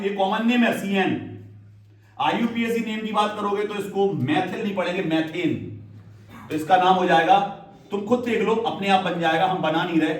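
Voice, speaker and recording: Male chemistry teacher, classroom lecture, keeps checking "clear?", high voice in a roomy hall. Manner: repeats key terms and checks understanding with "clear?"; addresses students fondly as "beta". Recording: echoey room, voice from a distance.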